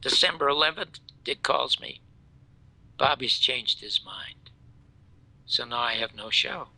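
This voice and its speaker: A man's voice: unhurried, vocal fry, no echo, rough recording. An older man hosting a talk show, telling a story with emphatic outrage and acting out the quoted dialogue. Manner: emphatic, acts out quoted dialogue, swings from loud outrage to low hush. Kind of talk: animated storytelling in conversation.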